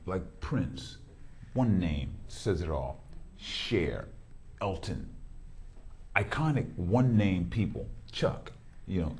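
On a TV studio set with a backdrop, a middle-aged pastor from Los Angeles, California hosts an interview, his talk rambling and thick with repetition. His voice sits low, warm and husky.

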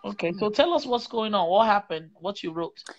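A woman's voice: mid-range voice, expressive, a little fast, lo-fi sound. A young woman hosting a live-stream prayer chat on a phone in a small room, reading viewer comments aloud and exclaiming often. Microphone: phone camera at arm's length.

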